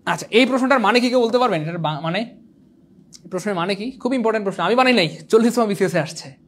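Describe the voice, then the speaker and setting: A young man who teaches an exam prep lecture in an animated, teasing way, repeating points and quizzing his viewers. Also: high voice, very fast. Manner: animated, repetitive, teasing, asks the viewers questions. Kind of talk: online lecture.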